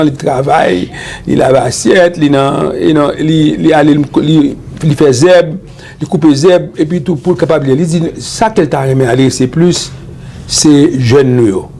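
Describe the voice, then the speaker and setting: A man's voice: a little high, normal speed, dark tone, slight background noise. A man hosting a talk show interview, friendly, switching between English and French and backing his guest with many mm-hmms.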